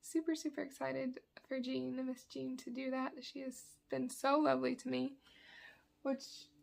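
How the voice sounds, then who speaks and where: A woman's voice: high voice, level tone, unhurried, gravelly, a little mellow. A woman with a dry throat, rambling casually as she shows off her cross-stitch projects. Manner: rambling, chatty, self-correcting. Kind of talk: casual chat. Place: indoors at home, sunny spot.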